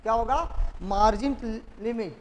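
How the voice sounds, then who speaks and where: A man with a high voice lectures a classroom at a normal pace, quizzing his students again and again and making them repeat the key terms. The room has a long reverb, and a faint hiss or hum sits under the audio.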